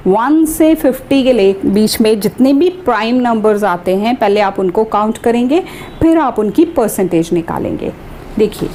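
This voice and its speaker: Woman math teacher, slightly high, deliberate step-by-step delivery. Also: dark tone, a little hiss or hum. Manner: slow, deliberate explaining, mixing English terms into Hindi. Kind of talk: step-by-step classroom lesson.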